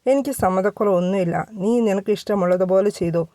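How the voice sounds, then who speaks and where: A woman voicing a calm, indulgent husband on a phone call, in a storybook reading. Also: medium pitch, brisk, no echo, natural voice. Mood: easygoing.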